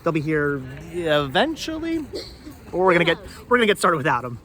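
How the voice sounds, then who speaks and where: A man with a slightly high, fairly bright voice talks fairly quickly, his pitch swinging hugely as he hosts a flea market thrifting vlog. He chats casually and unscripted to the camera and his companions, rambling and often repeating or restarting phrases. It's a noisy outdoor recording at a busy market, with market ambience and passing vehicles behind him.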